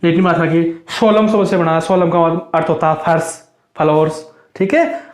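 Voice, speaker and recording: Guy teaching exam prep, high voice, asks then answers low, lots of room echo. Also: normal speed. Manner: drills students with repeated question and answer. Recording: echoey room.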